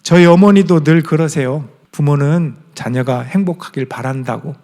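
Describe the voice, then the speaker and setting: A man's voice: a little high, normal speed, mellow. A middle-aged man from Chungcheong, South Korea, preaching a sermon as pastor in an earnest, conversational way, putting direct questions to his congregation. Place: large church sanctuary. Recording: reverberant church hall.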